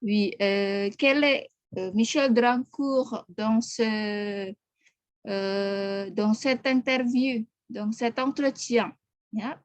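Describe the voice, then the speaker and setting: A woman's voice: on the high side, fairly even intonation, drawn-out words, no echo. A woman teaching a French class, patiently repeating questions and correcting pronunciation. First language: Indonesian. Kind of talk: online language class.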